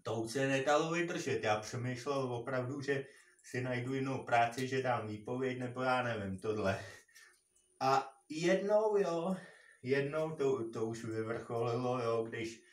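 A man's voice: medium pitch, animated. A man vlogger telling a personal work story in a rambling, repetitive way, full of filler words. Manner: rambling, repeats himself, many filler words. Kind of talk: casual storytelling. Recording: roomy and distant from mic.

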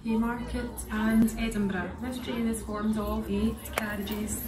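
Woman's train station loudspeaker announcement, echoey. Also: a little high, level tone. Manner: measured, evenly paced listing of stops. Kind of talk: recorded public address announcement. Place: railway station platform. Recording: echoey station PA heard from far off, loud noise.

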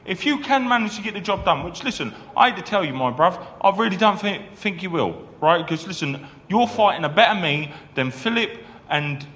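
A boastful man trash-talks as a boxer at a press conference. His voice is pitched high for a man, and a long hall echo trails it. He keeps opening his points with "listen". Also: animated, fairly quick, few pauses, a bit bright. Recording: echoey hall.

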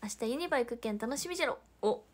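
A young woman with a Hiroshima Japanese accent chats casually on a livestream. Her voice sits a little high, and she reads out viewer comments and laughs often. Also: lively intonation, fast. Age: young adult. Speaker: idol livestreamer.

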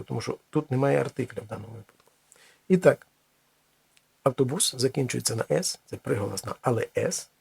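A man teaching a language lesson, explaining slowly with many pauses and restarts. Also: mid-range voice, gravelly, a little mellow, slightly rough, no room sound.

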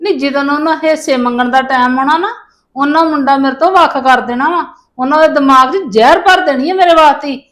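Woman with a high voice pleading, sorry for herself, village family drama. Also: a little fast, fairly bright tone. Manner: pleading, self-pitying. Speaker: mother-in-law wanting her grandson back.

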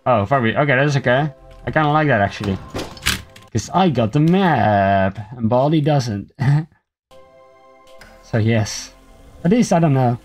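Guy mumbling thru a game playthrough, slow and laid back, voice bounces up and down a lot, faint game music behind. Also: mid-range voice, expressive. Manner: mumbling, unhurried, full of ums and laughs. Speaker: gameplay video host. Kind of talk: casual gameplay commentary.

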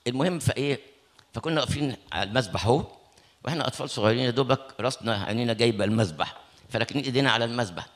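A middle-aged man with an Egyptian Arabic accent, a priest telling a story in a sermon, animated and acting out the people he quotes. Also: mid-range voice, rapid-fire.

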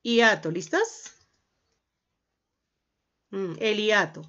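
A woman's voice: mid-range voice, very animated, pushed and bright, dull audio. A woman primary school teacher giving an online class, dictating patiently and calling her pupils affectionate names. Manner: patient, dictating slowly, calls pupils "mis amores". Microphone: video call.

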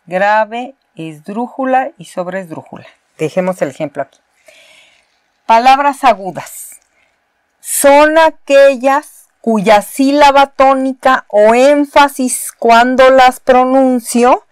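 A Mexican woman with a slightly high, clean-toned voice teaches a university spelling lesson at a board. She explains patiently, step by step, and repeats key words, and the recording is dry.

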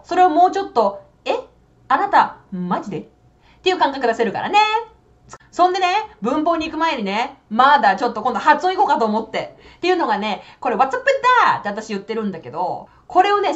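A woman teaching English in a casual, chatty way, switching between Japanese explanation and slow, carefully spoken English examples. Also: on the high side, dull audio.

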